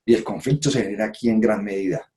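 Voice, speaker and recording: A man's voice: on the low side, fast, warm tone. A man giving a conference talk, acting out quoted phrases and often checking in with "¿sí?". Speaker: conference speaker. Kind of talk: live lecture to an audience.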